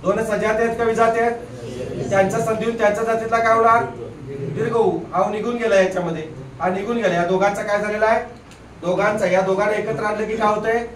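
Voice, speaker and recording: A man with a high voice teaches a grammar lesson in a classroom, drilling students with repeated questions and occasionally teasing them. He's recorded off-mic from a distance in an echoey room.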